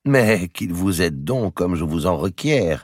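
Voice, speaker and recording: A man voicing a cold, shrewd middle-aged merchant in an audiobook, speaking in a measured, deliberate and calmly menacing way. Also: low voice, no room sound, voice pushed up. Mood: cold, calculating. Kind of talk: audiobook character reading. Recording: dry close recording.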